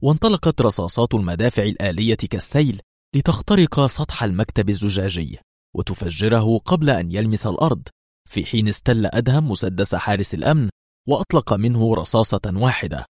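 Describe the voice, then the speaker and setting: A man reading an audiobook aloud in a dramatic, expressive scripted narration. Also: fairly low pitch, quick pace, no echo, clean studio sound.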